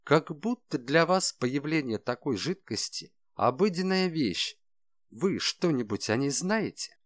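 A man voicing a shrewd, calm detective who speaks in a measured, ironic way, in an audiobook. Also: fairly high pitch, no room sound, clean studio sound, voice pushed up.

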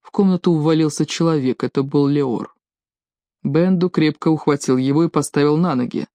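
A woman narrating an audiobook in an even, measured reading. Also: low voice, dry recording. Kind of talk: scripted narration.

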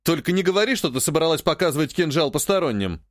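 Man voicing a scornful nobleman, shouting, bossy, raised voice, dry audiobook audio. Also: fairly high pitch, animated, fast, dry recording, close to an everyday voice. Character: irritated young nobleman, bullying older brother.

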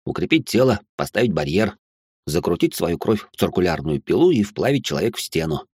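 A man's voice: sits low, very animated, a little fast, a little mellow, slightly rough, no echo, clean studio sound. A man narrating an audiobook in a wry, sardonic first-person voice. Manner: wry, sardonic inner monologue.

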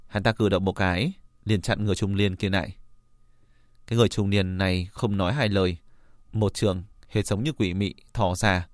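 Low-voiced male audiobook narrator. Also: no room sound, clean studio sound. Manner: steady storytelling read. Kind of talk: scripted narration.

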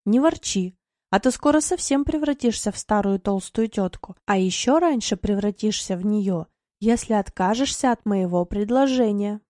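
Jovial husband in a storybook, voiced by a woman; warm tone, dry sound. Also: mid-range voice, normal speed, dry recording, close to an everyday voice. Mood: teasing. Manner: teasing, jovial. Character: playful teasing husband, cheerful young man. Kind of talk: audiobook narration.

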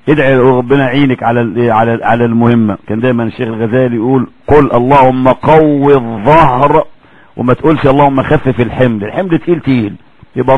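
A man with an Egyptian accent giving a recorded religious lecture in a colloquial, animated way. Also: medium pitch, no room sound, dull audio. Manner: colloquial, animated, acts out quoted voices.

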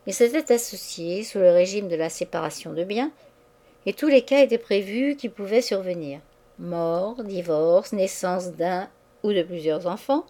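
A woman narrating a classic novel as an audiobook reader. Her reading is measured and expressive, shaping each phrase with care. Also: medium pitch.

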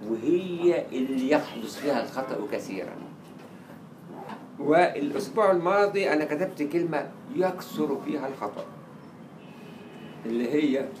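A man with an Egyptian Arabic accent and a mid-range voice lectures on Arabic writing in a lecture hall. He is animated, acting out quoted dialogue and repeating words so students can drill their pronunciation. The recording is echoey, with a faint hiss.

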